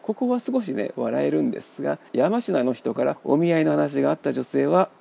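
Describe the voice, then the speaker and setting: A man hosting a radio book talk, explaining in a wry, measured way. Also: on the high side, animated, gravelly, mellow, breathy edge, no echo. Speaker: radio host.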